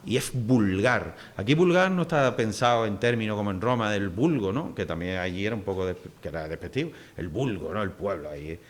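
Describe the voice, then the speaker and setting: A man's voice: lowish voice, animated, fairly quick, few pauses. A middle-aged man from Huelva with an Andalusian accent, giving a public linguistics lecture in a casual, digressive way with many fillers and restarts. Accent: Andalusian Spanish. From Huelva, Spain.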